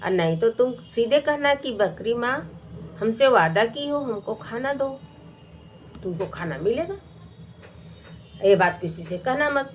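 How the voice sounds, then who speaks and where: A woman voicing a kind, motherly female goat spirit, speaking in a slow, soothing, reassuring way. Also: a little high, lively intonation, soft background music, pitched above the performer's own voice.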